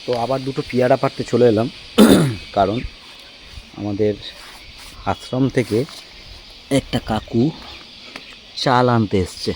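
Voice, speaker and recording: A man's voice: medium pitch, fairly even intonation, measured pace, pauses often, a little mellow, a little hiss or hum. A man, chatting to camera and family in a casual outdoor village vlog. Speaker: family vlogger.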